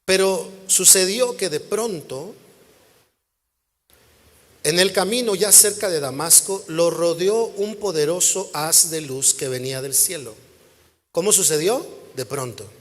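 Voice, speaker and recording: A man's voice: on the high side, measured pace. A male pastor preaching a sermon, asking the congregation questions and acting out quoted voices. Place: church hall. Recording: long church hall reverb.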